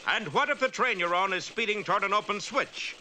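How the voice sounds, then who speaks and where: An excitable cartoon narrator with a high, very sharp voice. He delivers scripted story lines like a melodramatic, arch announcer. The old soundtrack has a faint hiss. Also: a little fast. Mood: melodramatic, brisk. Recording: faintly noisy 1960s soundtrack.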